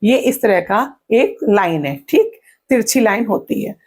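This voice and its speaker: Woman, teacher, exam-prep lesson, unhurried, breathy voice, repeats and answers her own questions. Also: mid-range voice, expressive, a little mellow. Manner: claps and stretches words out slowly to show syllables.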